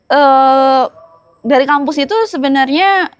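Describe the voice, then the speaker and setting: A young woman with a Jakarta accent casually recounting a story as a guest, chatty and laughing, often halting on fillers. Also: high voice. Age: young adult.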